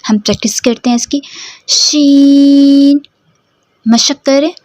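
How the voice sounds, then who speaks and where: Slow, careful woman teaching pronunciation. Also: on the high side, no room sound. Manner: drawn-out model sounds for students to copy; explains step by step and asks the students questions. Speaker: Quran recitation teacher.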